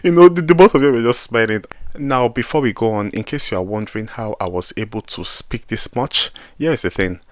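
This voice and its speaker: A young man with a Nigerian accent, talking a lot as he tells a personal story, jumping between loud bursts and hushed asides. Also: medium pitch, fairly quick, no room sound. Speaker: vlogger.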